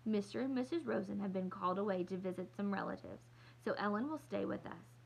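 Woman reader as a storybook mother, brisk and cheerful, worry underneath. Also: medium pitch, lively intonation, gravelly, a little mellow, slightly rough, rough recording. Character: worried mother keeping a cheerful voice.

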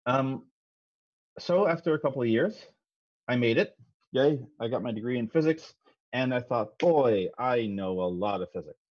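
A man's voice: medium pitch, normal speed, dry recording. A man in his thirties from the Netherlands, giving a casual, self-deprecating science talk from a home office over a headset. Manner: relaxed, self-deprecating, many ums. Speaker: guest speaker, physicist. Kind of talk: casual presentation over video call. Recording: dry, slightly dull video call audio.

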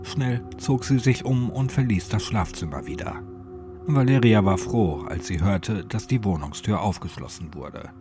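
Lively low-voiced male horror narrator. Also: a little slow. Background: music.

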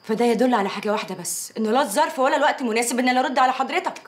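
A woman's voice: fairly high pitch, very fast, natural voice. An actress playing a bitter, scornful divorced mother with an Egyptian accent in a TV drama. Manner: scornful, cutting.

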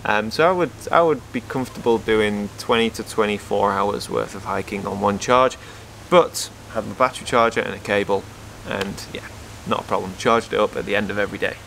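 The audio is poor, with a little hiss or hum, as a thirtysomething Englishman chats to a close camera on a stand from a garden patio by a brick house. A photographer and vlogger, he reviews hiking gear in an upbeat, aside-filled way, his fairly low voice brisk, gravelly and a bit bright.

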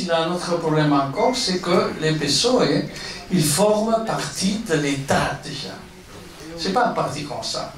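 A man with a foreign, Iberian accent in non-native French, answering questions at a meeting and searching for his words. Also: high-pitched. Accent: Spanish or Catalan accent in French. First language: not French. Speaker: guest speaker at a political meeting. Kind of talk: impromptu speech answering audience questions. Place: indoor meeting hall with an audience. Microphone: handheld microphone. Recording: echoey room, distant pickup, audience noise.

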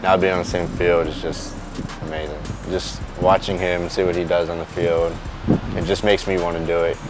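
Deep-voiced young college football player. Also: male voice, heavy background noise. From Florida. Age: young adult. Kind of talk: sports interview. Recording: background music under voice.

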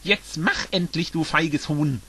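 A man voicing a rash, impatient young boy in a fan-made audiobook, bossy and shouting. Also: fairly high pitch, slow, slight background noise.

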